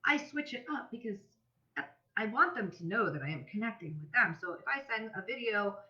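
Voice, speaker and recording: Chatty and conversational, a woman business coach delivers an instructional tutorial, performing sample messages as she goes. She speaks at normal speed in an animated, medium-pitched voice with a sharp tone, recorded with roomy echo and slightly dull sound.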